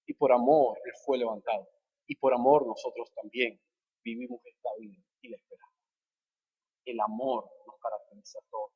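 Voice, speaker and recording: A man preaching a sermon as a pastor, rhetorical, moving from hushed asides to impassioned repeated refrains. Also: medium pitch, fairly even intonation, moderate pace, slightly rough, narrow, tinny audio. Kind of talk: expository sermon. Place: church sanctuary.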